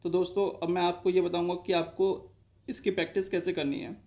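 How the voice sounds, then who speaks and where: A man's voice: sits high, flat delivery, a little fast, a little mellow. A man teaching a shorthand lesson, explaining each step by asking himself short questions and answering them, and often stopping to check that viewers follow.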